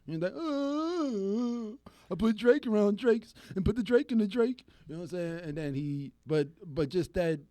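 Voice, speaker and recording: A man co-hosting a podcast in casual chat, animated and laughing often as he acts out quoted voices. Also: high voice, normal speed, no echo. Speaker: podcast co-host.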